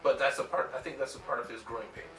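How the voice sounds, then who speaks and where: A man's voice: mid-range voice, fairly even intonation, racing, over music. A man co-hosting an anime reaction, thinking aloud and speculating in casual group discussion. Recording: roomy echo, mic at a distance.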